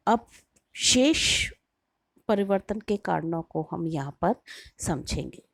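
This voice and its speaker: A middle-aged woman delivers a university lecture, unhurried and careful. She explains step by step and lingers over her examples. The sound is dry and close, with no room echo. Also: mid-range voice, darkish tone. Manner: slow, measured and explanatory, drawing out example words. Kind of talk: recorded lecture.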